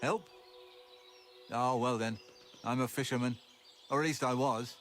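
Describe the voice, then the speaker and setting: An actor playing a gruff, grumbling old fisherman with an injured leg in a video game, with music behind him. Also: mid-range voice, fairly even intonation, measured pace, a bit bright, natural voice. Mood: gruff, pleading. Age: older. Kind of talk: scripted video game dialogue.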